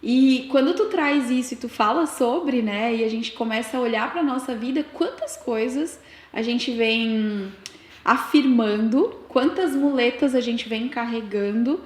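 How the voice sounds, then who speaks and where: A woman's voice: a little high, unhurried, a little mellow. A woman podcast host and coach who responds in an affirming, reflective way during casual chat. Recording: roomy echo.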